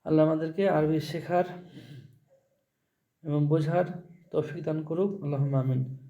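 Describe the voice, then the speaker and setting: A man who speaks Bengali as his first language, teaching a recorded Arabic lesson and repeating example sentences slowly and patiently. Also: a little high, fairly even intonation, warm tone, lo-fi sound.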